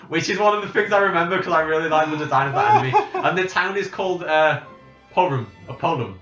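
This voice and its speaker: Casual male podcaster, halting and digressive, in a roomy room on a somewhat lo-fi mic. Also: fairly high pitch, big pitch swings, over music. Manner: rambling, halting, with frequent restarts and laughs. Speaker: podcast host. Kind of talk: casual chat, recapping a game plot from memory. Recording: roomy, slightly dull home recording.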